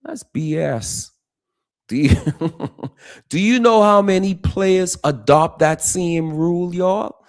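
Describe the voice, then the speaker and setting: A man's voice: high voice, slow. A man hosting a casual relationship advice talk, emphatic and addressing listeners directly. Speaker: podcast host.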